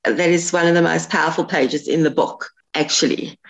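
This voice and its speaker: A lower-voiced woman leads a book interview. She speaks in an earnest, thoughtful way and often doubles back mid-sentence. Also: steady tone, normal speed, poor audio. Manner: earnest, thoughtful questioning with restarts.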